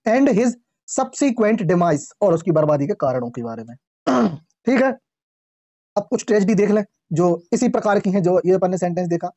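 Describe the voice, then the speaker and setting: A male teacher giving a classroom lecture, reading English lines slowly, explaining them in Hindi, quizzing the class and clearing his throat often. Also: high voice, lively intonation, warm tone, dry recording. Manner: quizzes the class with repeated questions. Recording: dull lo-fi classroom recording.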